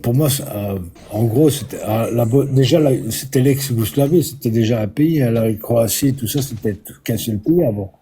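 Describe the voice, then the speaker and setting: Middle-aged man, from Belgium, caller, earnest, hesitant, husky, warm dark voice. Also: medium pitch, moderate pace, few pauses. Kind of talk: casual conversation.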